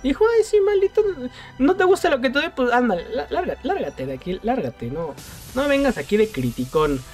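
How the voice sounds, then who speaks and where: A man's voice: extremely high pitch, big pitch swings, normal speed, darkish tone, soft background music, pitched above the performer's own voice. A man putting on the voice of a grumpy male game warrior who scolds the player and shoos him away. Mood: huffy. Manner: mocking, shooing.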